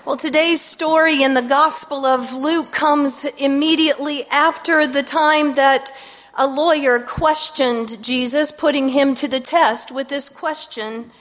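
A woman pastor delivering a sermon at a pulpit microphone in a church sanctuary, speaking in a measured, deliberate way. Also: sits high, fairly even intonation, a bit bright. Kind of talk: sermon with scripture reading. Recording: long reverb of a large hall.

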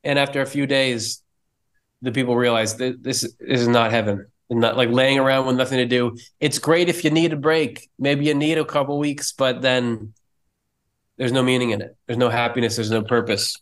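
A man's voice: mid-range voice, fairly even intonation, normal speed, fairly bright tone. A man co-hosting a podcast, explaining religious ideas in an earnest, conversational way with frequent restarts. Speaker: podcast co-host. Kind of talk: casual theological discussion.

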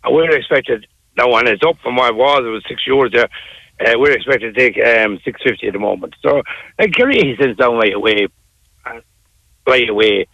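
A man's voice: medium pitch, lively intonation, normal speed, creaky, a bit bright, no echo, lo-fi sound. An Irish man speaking unscripted as a guest in a radio interview, repeating phrases for emphasis.

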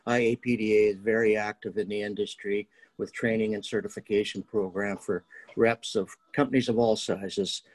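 A man introducing himself on a webinar panel, steady with hesitant pauses. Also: fairly low pitch, poor audio. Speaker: organization founder, panelist.

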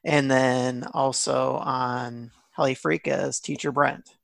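A man co-hosting a hobby podcast, briskly reading through a list of shout-outs. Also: medium pitch, fairly even intonation, gravelly, dry recording. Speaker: podcast co-host. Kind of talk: casual podcast chat.

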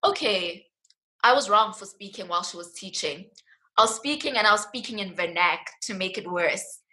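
A woman's voice: mid-range voice, animated, normal speed, sharp tone, low-quality recording. A young woman in her late teens with a South African accent, retelling personal experiences in an emphatic, indignant way. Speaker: student guest. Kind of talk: personal storytelling in conversation.

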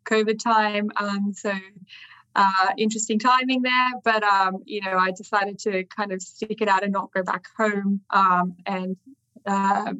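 A lawyer with an Australian accent, appearing as a guest, answers interview questions hesitantly over a video call, with many ums. Her mid-range voice is steady and sharp in tone, at a measured pace. There's no room sound, and the video call audio is dull.

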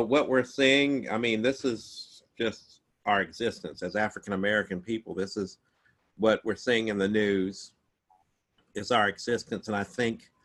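A man's voice: on the low side, fairly bright tone. A man co-hosting a podcast in casual chat, thoughtful and hesitant, searching for his words. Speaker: podcast co-host.

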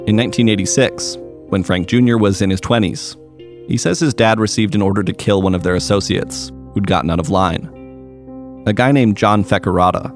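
A male reporter giving scripted narration in a measured, even way. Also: on the low side.

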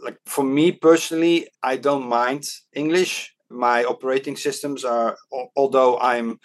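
A startup advisor from the Netherlands, guesting on a podcast in Hong Kong, moves through his points at a measured pace in casual interview talk. His ordinary mid-pitched male voice often pauses on "uh" as he restarts his words.

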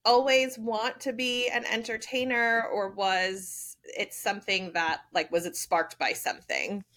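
A woman co-hosting a podcast interview, reacting with excitement and asking questions. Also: medium pitch, a little slow, slight background noise. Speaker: podcast co-host. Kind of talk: casual interview chat.

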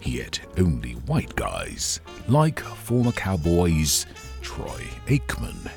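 A man delivers formal, wry opinion commentary in a very low voice that is giving out, hoarse with a cold. His pitch swings dramatically from word to word, and faint music sits behind him. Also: huge pitch swings, drawn-out words, a little mellow. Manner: wry, wordy, formal phrasing. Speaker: podcast host. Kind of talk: scripted opinion commentary monologue.

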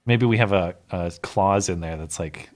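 A man's voice: sits low, moderate pace, a little mellow. A man co-hosting a casual talk show, chatting in a joking, slangy, informal way. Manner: joking, laid-back slangy talk with "dude" and "like". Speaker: co-host. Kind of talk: casual chat.

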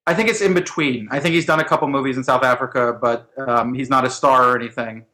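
A man on a podcast as a guest film critic, giving opinionated talk full of quick asides. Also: medium pitch, pushed and bright. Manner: fast, opinionated, talks in run-on asides. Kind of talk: casual chat.

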